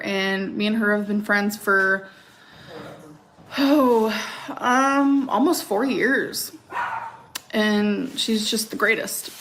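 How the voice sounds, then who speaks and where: A woman with a somewhat high voice chats on a livestream, reading viewer messages aloud and answering them casually. A faint hiss of noise sits behind her. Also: fairly bright tone.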